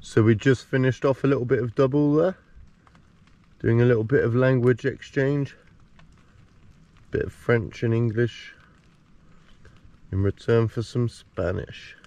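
A man's voice: mid-range voice, unhurried, creaky, long pauses, no echo, lo-fi sound. A man casually narrating a camping trip outdoors in a wood, filming on a handheld camera. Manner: relaxed, offhand commentary. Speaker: vlogger. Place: woodland camp, outdoors.

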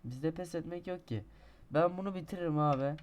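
A young man commenting on his own gameplay, talking to himself, boasting and cursing, with sudden shouting outbursts. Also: on the high side, fairly quick, a little hiss or hum. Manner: swearing, shouting outbursts at the game; self-talk, boastful then exasperated. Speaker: gaming streamer. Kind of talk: let's-play commentary.

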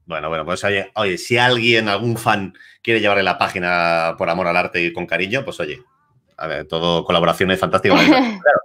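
A man hosting an interview, talking in a lively, slangy, rambling way. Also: deep voice, moderate pace. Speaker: interviewer host. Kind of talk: casual chat.

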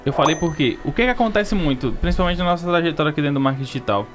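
Male Brazilian podcast host, young, fairly high voice, fast slangy chat, music clearly underneath. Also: animated. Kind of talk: casual podcast conversation. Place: indoor podcast studio. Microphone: close dynamic mic.

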